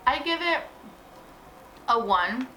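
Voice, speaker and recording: A woman's voice: high voice, expressive, takes it slowly. A woman chatting casually as a challenge video co-host while eating and rating sour candy. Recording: echoey room with clear background noise.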